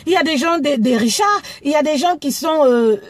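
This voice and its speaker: A woman's voice: sits high, expressive, a little fast, dry recording. A woman from Cameroon talking frankly in a casual live video, often stumbling and repeating words. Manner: frank, stammering repetitions. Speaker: live streamer.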